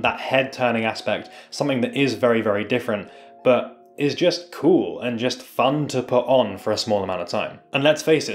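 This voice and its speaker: A man chatting upbeat and casual as he reviews a product straight to his viewers. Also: mid-range voice. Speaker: fashion reviewer.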